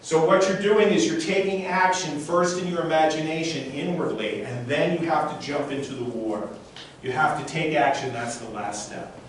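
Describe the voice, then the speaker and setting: Speaking at a normal speed in a fairly high voice, the stage mind reader addresses his live audience emphatically, repeating phrases and barking brief commands. It's a motivational show with audience demonstration, held in a large room full of echo. He sounds far from the microphone, with a faint layer of noise.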